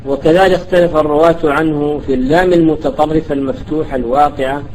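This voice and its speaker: A man teaching a class on Quran recitation rules. He recites example words slowly one at a time, then explains quickly, and checks with his students now and then. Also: on the high side, steady tone, a little mellow, slight background noise, low-quality recording.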